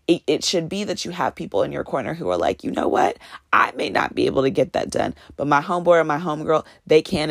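With a deep voice and noticeable vocal fry, this podcast host and business consultant in her 20s, late twenties specifically, speaks directly to her audience as if they were family, upbeat and preachy. The recording is dry and studio-clean.

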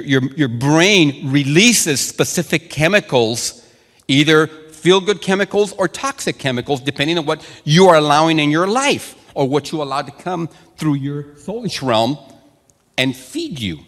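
Preaching to a congregation in a large hall, a man from Mexico whose native tongue is Spanish weaves in stories, frequently repeating himself and restarting sentences. His mid-range voice carries a fairly bright tone.

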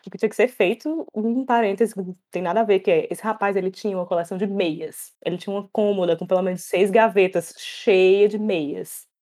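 A woman's voice: mid-range voice, brisk, few pauses. A woman telling a funny story in casual chat, acting out the other people's voices. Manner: animated storytelling, acts out quoted voices, laughs often.

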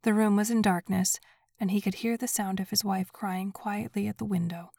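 A woman narrating a story in a soft, breathy whisper, hushed and even. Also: mid-range voice, moderate pace, dry recording, clean studio sound.

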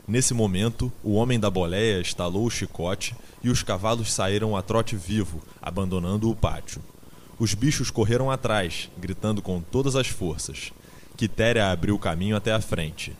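A man narrating an audiobook in a measured, dramatic storytelling manner. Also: on the low side, a little hiss or hum.

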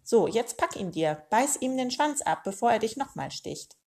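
A woman voicing a gruff, bossy old male meerkat uncle who barks orders. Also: on the high side, very animated, moderate pace, a little mellow, voice pushed up. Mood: commanding. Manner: barking commands.

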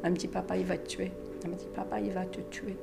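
A middle-aged woman from France tells her life story in a low, gravelly voice. She acts out the lines of the people in her story and sometimes drops to a hush. Clear music plays behind her. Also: flat delivery, very fast. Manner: acts out quoted dialogue in her story, drops to hushed asides. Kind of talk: personal storytelling.

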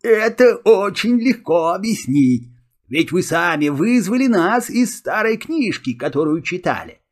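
A man's voice: sits high, big pitch swings, unhurried, pitched above the performer's own voice, exaggerated voice. Man doing a fawning sly storybook pirate. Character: gang of scruffy fawning pirates. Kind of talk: storybook reading.

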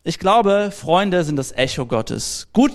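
A young man preaching a casual sermon in a lively, anecdotal way, speaking directly to his listeners. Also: high voice, takes it slowly.

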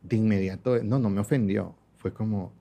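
Speaking at a moderate pace in a lowish, creaky voice, a young makeup artist guest talks through a relaxed conversational interview. He is a lively storyteller who performs the quoted voices himself and laughs a lot along the way.

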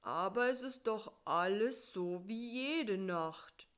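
A woman voicing a grumpy, sleepy male spider in a storybook reading, with a gruff, loud, indignant manner. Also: medium pitch, expressive, takes it slowly.

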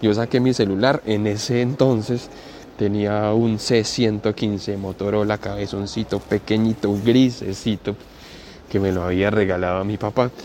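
A man, telling a story in a relaxed, slangy way and pausing to explain his expressions. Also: on the low side, slight background noise. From Colombia. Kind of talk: spoken storytelling.

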